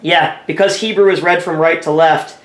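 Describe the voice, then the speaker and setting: A tech video creator, a native English speaker, casually comments on his own screen recording, thinking aloud, rambling and often correcting himself. His voice is a little high with fairly even intonation at normal speed, and the sound is roomy.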